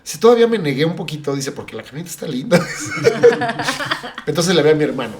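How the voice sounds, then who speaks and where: This pastor, a middle-aged podcast guest, relates a personal story and brings the dialogue of family and friends to life with animation. He speaks at a fairly high pitch and a little fast.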